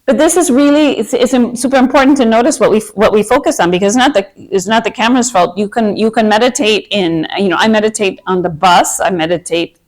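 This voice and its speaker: A woman's voice: medium pitch, fast, hardly any pauses. A woman in her fifties from Minnesota with a Minnesota accent, hosting a casual group talk about anxiety and speaking earnestly in long rambling runs full of restarts. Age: 50s. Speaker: anxiety workshop host.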